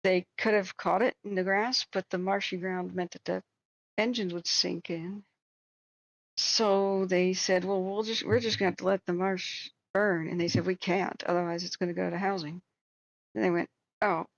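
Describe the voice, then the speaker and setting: A woman's voice: lowish voice, fairly even intonation, normal speed, gravelly, no echo, dull audio. A woman hosting a live stream, giving informal, rambling commentary in a conversational way. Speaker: live stream host tracking wildfires.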